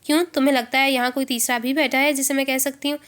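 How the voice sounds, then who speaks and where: Woman voicing a calm, gently firm sister-in-law. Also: sits high. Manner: soothing, reasonable.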